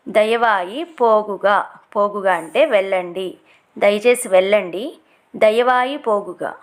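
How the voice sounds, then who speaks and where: A woman with a somewhat high voice teaches everyday phrases at a very slow, deliberate pace. She says each phrase twice, then breaks it down word by word for beginners. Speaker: language teacher. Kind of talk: slow repeated phrase lesson.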